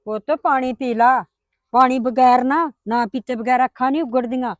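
A woman's voice: high-pitched, steady tone, moderate pace, no room sound, studio quality, natural voice. A woman playing a coaxing patient grandmother. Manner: coaxing, placating. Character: patient grandmother, soothing mother-in-law. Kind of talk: family drama acting.

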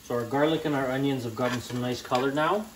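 A young man who runs a home cooking channel explains a recipe one step at a time as he cooks at his kitchen stove. His voice is ordinary in pitch, easygoing and unhurried, sprinkled with "uh"s and "um"s and occasional small corrections, with a low frying hum and faint kitchen sounds behind him.

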